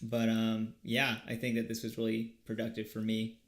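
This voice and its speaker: A man's voice: lowish voice, completely flat delivery, normal speed. A man co-hosting a podcast in casual chat, enthusiastic and full of "like" and "you know". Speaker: podcast co-host. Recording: echoey room.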